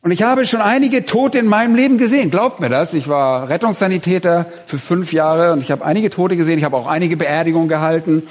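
A man's voice: a little high, fast, few pauses. A man preaching a sermon in an emphatic way, rising on key words. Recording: reverberant hall.

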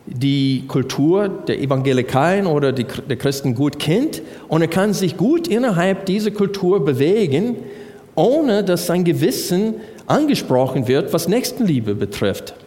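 A man's voice: on the high side, sing-song, a little slow, mellow. Man preaching in a reverberant hall. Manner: asks the congregation rhetorical questions. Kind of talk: sermon, Bible exposition.

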